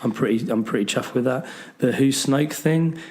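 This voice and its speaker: A man with a mid-range, darkish voice chats loosely at a moderate pace as a podcast co-host. He has a bad cold and is losing his voice, rambling along with lots of ums and restarts.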